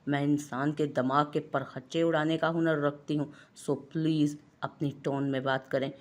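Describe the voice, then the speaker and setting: A woman narrator voicing a proud, fearless young woman barrister with a defiant, sharp tongue. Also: sits low, flat delivery, normal speed, natural voice. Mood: cold.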